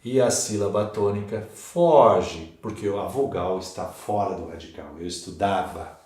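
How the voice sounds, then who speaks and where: A Brazilian man teaching a Portuguese grammar lesson for exam prep, in a slow and emphatic way. He repeats key words and checks in with the class. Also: lowish voice, darkish tone. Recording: echoey room.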